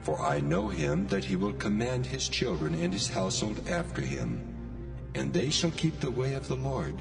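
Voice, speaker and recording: A man's voice: mid-range voice, big pitch swings, moderate pace, gravelly. A man voicing God as a grave, majestic, commanding figure in a dramatized scripture reading. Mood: solemn. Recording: long cavernous reverb, loud music behind. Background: music.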